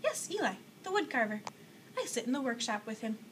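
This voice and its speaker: A woman's voice: fairly high pitch, big pitch swings, brisk, fairly bright tone, slight background noise. A woman voicing a carefree, friendly female wooden puppet in a storybook, breezy and encouraging.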